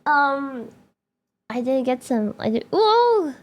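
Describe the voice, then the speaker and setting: A young woman streaming live, chatting casually with her viewers, excitable, laughing often and swearing freely. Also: high voice, takes it slowly, creaky, muffled recording.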